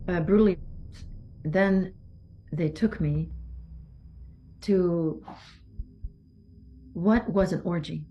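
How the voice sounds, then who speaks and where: A low-voiced, soft-spoken survivor from Belgium recounts her experience in a personal testimony interview; French is her native language. She pauses, restarts and proceeds in a measured, halting manner, and the recording is low-quality.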